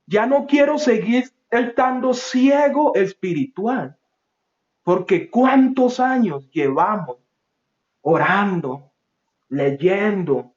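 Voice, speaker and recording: Impassioned high-voiced male preacher. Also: roomy sound, highs cut off. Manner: impassioned, swings between loud pleading and low soft phrases. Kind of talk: sermon.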